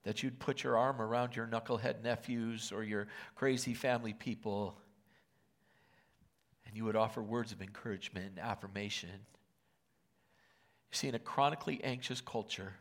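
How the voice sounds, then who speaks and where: An older man as pastor, preaching and praying earnestly, with emotion and often dropping to a hush. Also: medium pitch. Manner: earnest, emotional, drops to hushed whispers. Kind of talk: sermon and prayer. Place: church auditorium.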